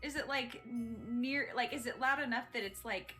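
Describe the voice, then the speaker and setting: A woman's voice: a little high, fairly even intonation, normal speed, bright, forceful tone, faint music behind. A woman player in a tabletop role-playing game, giggling through her words. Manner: giggly, laughs between words. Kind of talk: casual tabletop game play.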